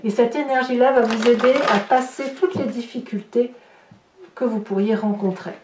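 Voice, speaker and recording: In a fairly high, steady voice at normal speed, a woman hosts an informal tarot reading for viewers, talking through her thoughts as she handles the cards. The audio is roomy and distant, with light noise.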